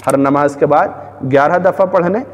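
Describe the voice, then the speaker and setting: A man's voice: fairly high pitch, big-room sound, noisy background. A man, a religious scholar, giving earnest religious advice to viewers and repeating phrases for emphasis. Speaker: Islamic scholar.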